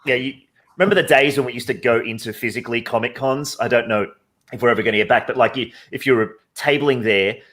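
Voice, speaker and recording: A man's voice: medium pitch, fast talker, fairly bright tone. Rambling man chatting on a call. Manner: rambling, conversational storytelling. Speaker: guest artist. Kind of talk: casual chat on a video call.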